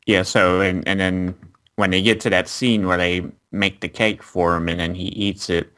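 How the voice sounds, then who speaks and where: Low-voiced man recapping an anime. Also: little pitch movement, moderate pace, fairly bright tone. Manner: plot recap with fillers and restarts. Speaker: anime review co-host. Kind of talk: casual review chat.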